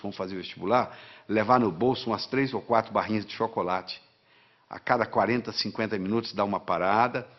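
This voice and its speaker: A man's voice: on the low side, muffled recording. A man gives an instructional talk in an emphatic, didactic way, counting out steps and repeating key phrases. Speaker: guest teaching study techniques.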